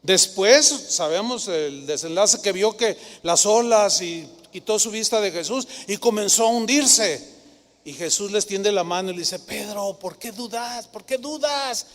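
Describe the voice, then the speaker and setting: A male pastor, preaching a sermon and telling stories with lively rhetorical questions. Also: high voice, measured pace. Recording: long hall reverb.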